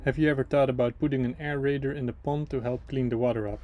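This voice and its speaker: A man reading viewer questions aloud in a flat, even way. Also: medium pitch, fast, music in the background.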